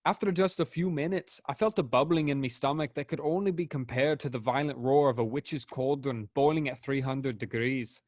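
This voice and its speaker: A man's voice: medium pitch, normal speed, hardly any pauses, a little mellow, no room sound, clean studio sound, close to an everyday voice. A man voicing an angry Scottish father who rants crudely in a put-on Scottish accent, read aloud for comedy. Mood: ranting. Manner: indignant, crude ranting. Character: angry Scottish father writing a ranting review. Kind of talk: comic reading aloud.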